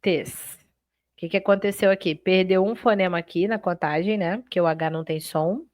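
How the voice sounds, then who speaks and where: A woman with a fairly low voice teaches Portuguese in a live online exam-prep class, speaking at normal speed with no echo. She's chatty and lively, addressing her students directly and checking in with them often.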